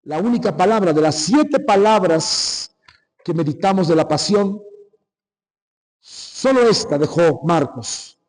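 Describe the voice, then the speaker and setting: A man's voice: sits high, expressive, slow pace, a little mellow. A man from Mexico, a priest giving a conversational Lenten sermon with dramatic retelling and frequent questions to the congregation. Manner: conversational, asks the congregation "¿sí?" often; dramatic retelling with shifting volume. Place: church. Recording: long church reverb. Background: hall reverb.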